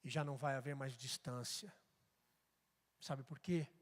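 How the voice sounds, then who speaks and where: A pastor preaching a sermon in a church, telling a story dramatically and swinging between loud and hushed. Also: male voice, medium pitch, a little slow. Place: church sanctuary. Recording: echoey church hall.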